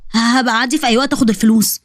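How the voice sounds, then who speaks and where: Woman doing a tired young delivery girl, egyptian accent, blunt and fed up, fast. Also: a little high, fairly even intonation, dry recording, natural voice. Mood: exasperated. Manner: blunt and exasperated.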